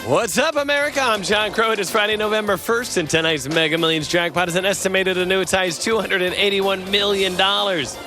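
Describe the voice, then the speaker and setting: A man's voice: high voice, brisk, hardly any pauses. A man hosting a televised lottery draw, announcing in an upbeat, scripted presenter style. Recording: music behind the voice.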